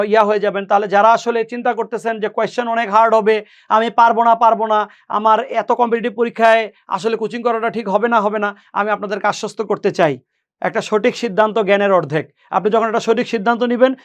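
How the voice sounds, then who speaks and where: A Bangladeshi man in a recorded exam-coaching lesson, explaining English grammar patiently, repeating key points and mixing English into his talk. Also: sits high. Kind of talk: recorded lecture explaining past exam questions.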